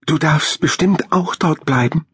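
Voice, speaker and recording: A man's voice: a little high, unhurried, fairly bright tone, slightly rough, dry recording, clean studio sound, voice pushed up, heavily acted. A man voicing a small, shy young male hamster in a children's audiobook. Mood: earnest.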